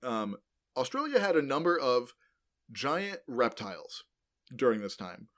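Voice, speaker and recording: Very animated and a bit bright, a mid-pitched man rambles unhurriedly through a casual podcast explainer on paleontology. He's loose and informal, saying "like" often, dropping lots of ums and uhs, and correcting himself.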